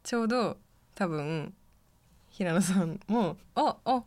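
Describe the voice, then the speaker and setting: A woman's voice: mid-range voice, lively intonation, slow, darkish tone. A young woman co-hosting a student radio show, playful and a little hesitant. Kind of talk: casual radio chat.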